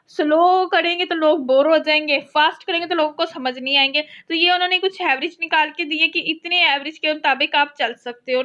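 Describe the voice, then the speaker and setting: A woman giving a conversational lecture, mixing English terms into her Urdu-Hindi and reading English lines slowly. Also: high-pitched, pushed and bright. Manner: conversational, repeatedly checks in with the listener. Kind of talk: explanatory lecture. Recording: dull lo-fi recording.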